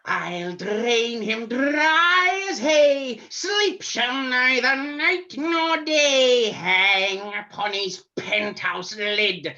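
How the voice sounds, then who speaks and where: An actor rehearsing a witch's part in a radio drama, declaiming the spells with big swoops in pitch. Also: expressive, very slow, hardly any pauses, sharp tone, lo-fi sound, exaggerated voice. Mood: incanting. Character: man rehearsing a cackling witch, theatrical.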